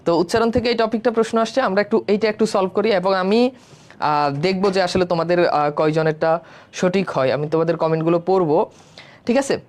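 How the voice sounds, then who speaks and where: A man's voice: high-pitched, fairly even intonation, a little fast, a little mellow. A man teaching a live online exam-prep class. He works through the answers step by step and keeps checking in with his students. He slips English words into his explanations. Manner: mixes English words into speech.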